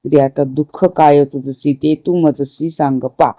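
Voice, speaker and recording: A man reciting the words of a compassionate god who gently consoles a weeping devotee, in slow, chanted devotional verse. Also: on the high side, little pitch movement, no echo, close to an everyday voice. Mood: consoling.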